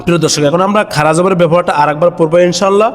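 A man teaching Arabic letter sounds to viewers, drawing out each syllable in a half-sung recitation and explaining briskly between drills. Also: high-pitched, long reverb tail, soft background music. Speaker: Quran reading teacher.

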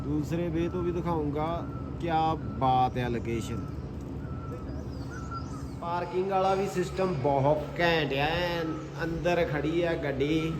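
A man with an Indian Punjabi accent narrates his trip like a casual vlogger. His voice sits a little high for a man, and his talk is slangy and full of admiring exclamations. Faint street and vehicle noise runs behind him. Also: steady tone, moderate pace, hardly any pauses. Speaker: travel vlogger. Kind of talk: casual travel vlog narration.

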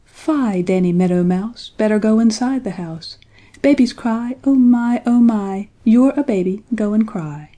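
A woman's voice: mid-range voice, measured pace, dark tone, pitched above the performer's own voice, close to an everyday voice. A woman voicing a group of playful little breezes in a storybook, teasing in sing-song.

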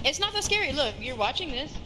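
A woman chatting casually with friends while playing a game over voice chat, teasing and quiet. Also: high voice, very animated, quick pace. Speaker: fellow player.

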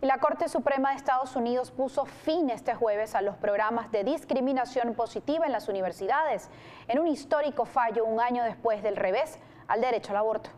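A woman's voice: fairly high pitch, a little fast, a little mellow. A woman presenting the news as anchor from a TV studio in a formal, scripted tone.

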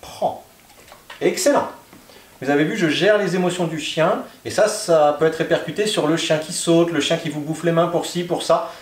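A man working as a dog trainer, giving calm, firm short commands and explaining a training exercise indoors at home. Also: on the high side, moderate pace. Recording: echoey room.

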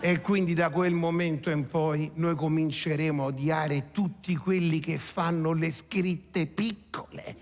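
A middle-aged man performing a stand-up comedy monologue, animated and exasperated, breaking into shouted character bits. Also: high voice. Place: theatre stage before an audience. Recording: echoey hall, faint ambience.

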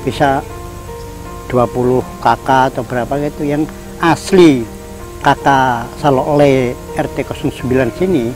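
A man's voice: mid-range voice, fairly even intonation, measured pace, rough recording. An older man, a village elder, answering interview questions plainly and agreeably, with hesitant fillers, outdoors on a porch. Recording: music playing under the voice.

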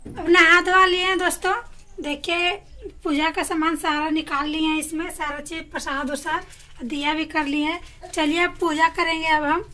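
A woman's voice: very high-pitched, little pitch movement, moderate pace, pushed and bright. A young woman chatting casually to her viewers in a home vlog, filming herself with a phone held at arm's length around her rural house and yard. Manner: chatty, addresses viewers often. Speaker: vlogger.

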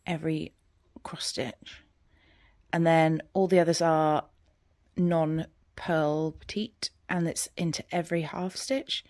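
A woman in her forties giving a casual, rambling progress update on her stitching at home, often trailing off into quiet murmurs as she counts. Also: lowish voice, no room sound, clean studio sound. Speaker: cross-stitch vlogger.

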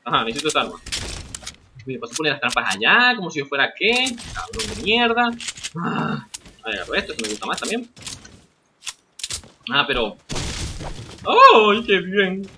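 A man with a Venezuelan accent giving excitable live game commentary, yelping, swearing and talking to himself. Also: fairly high pitch, moderate pace, long pauses, background noise. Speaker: gamer.

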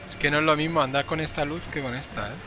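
A man's voice: fairly high pitch, fairly even intonation, fast. A young man with a Castilian Spanish accent giving casual, jumpy horror game commentary, muttering to himself and swearing when startled. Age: young adult. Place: small room indoors. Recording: game ambience and noise behind voice. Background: horror game ambience.

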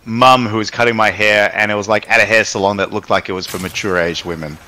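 Young guy streaming games, bright voice, loose profane chatter. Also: on the low side, steady tone, fast. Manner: rambling, profane storytelling. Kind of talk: casual chat while gaming.

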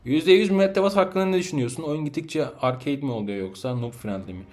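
Male gaming host, rapid-fire and a touch high, vents at his teammates mid-match. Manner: exasperated ranting at teammates, loud outbursts and muttering. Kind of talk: live gameplay commentary answering chat questions.

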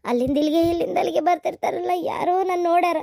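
A woman's voice: very high voice, fairly even intonation, fast talker, gravelly, warm tone, no echo, clean studio sound. A woman voicing a tearful young married woman in a cartoon, pleading in a North Karnataka Kannada accent. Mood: aggrieved. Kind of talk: cartoon voice acting.

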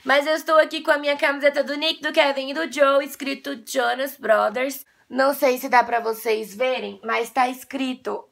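A woman's voice: high voice, normal speed, creaky, hardly any pauses. A Brazilian woman in her twenties chatting casually to camera like a gushing fan, her voice slightly nasal from a coming cold. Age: 20s. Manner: gushing, animated fan talk. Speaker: video blogger. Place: small bedroom, indoors.

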